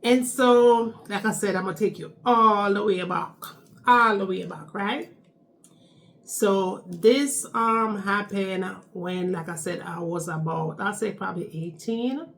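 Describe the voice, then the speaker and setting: With a fairly bright, medium-pitched voice and an unhurried pace, this Jamaican vlogger, a young woman with a Jamaican accent, tells a story in a relaxed chat. She often repeats herself and finishes lines with "okay?".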